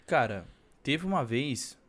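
A man's voice: medium pitch, sing-song, takes it slowly, fairly bright tone. A young man with a Brazilian Portuguese accent, co-hosting a podcast in playful, informal, slangy chat with casual swearing. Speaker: podcast co-host.

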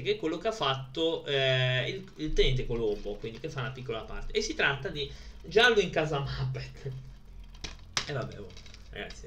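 Bright-voiced man rambling, with a headache. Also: mid-range voice, slight background noise. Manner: hesitant and rambling, with blunt slangy asides. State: suffering from a headache. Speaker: host of a film review video. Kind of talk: casual rambling chat to camera.

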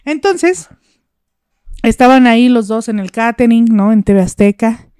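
A woman's voice: on the high side, lively intonation, unhurried, warm tone, clear, resonant tone, no echo, studio quality. A woman with a Mexican accent, chatting and telling gossip in a playful, storytelling way as a co-host. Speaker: podcast co-host. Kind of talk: casual gossip chat.

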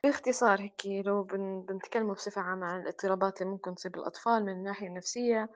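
A woman with a Libyan Arabic accent, a psychologist guest explaining with frequent filler pauses in a panel discussion. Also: medium pitch, steady tone, no echo.

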